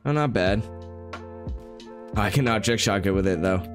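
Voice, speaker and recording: Talking over music at a normal speed, this twenty-something gaming YouTuber has a lowish voice made nasal and stuffy by a cold. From a small room at home, he gives casual commentary on his gameplay, chatting with a friend in an upbeat, hyped way.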